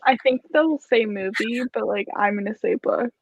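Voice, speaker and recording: A woman's voice: a little high, moderate pace, vocal fry, dry recording. A woman co-hosting a casual chat game among friends, recorded on slightly muffled audio.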